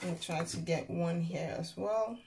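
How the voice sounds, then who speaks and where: A woman with a slightly low voice talks her viewers through a pot of food in her home kitchen. Her chat is relaxed and easygoing, and pots and dishes clatter clearly in the background. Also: a little slow, a little hiss or hum. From Sierra Leone. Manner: chatty, talks while working at the stove. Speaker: cooking vlogger. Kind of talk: casual cooking narration. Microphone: camera pointed at the stove, speaker off frame.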